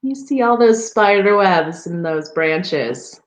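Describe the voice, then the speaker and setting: For a parks program, a woman acting as storybook reader takes her time reading a picture book to children. Her mid-pitched voice has lively intonation, swinging up and down with expression, and she drops in chatty asides for the kids. The space sounds roomy and echoing.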